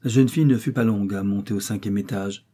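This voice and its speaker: A man narrates a novel for an audiobook with measured, even storytelling. His voice is low and dark, with a husky grain.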